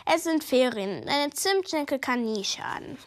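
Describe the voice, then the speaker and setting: A woman's voice: high-pitched, expressive, measured pace. A woman voicing a cheerful young boy detective who jokes around. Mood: playful. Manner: playful, joking.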